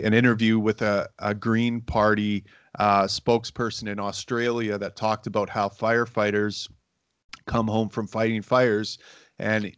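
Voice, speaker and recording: A middle-aged man hosts a casual podcast chat in a low, fairly flat voice. He rambles through his points with many fillers and restarts. The sound is dry and close. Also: dry recording. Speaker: podcast host.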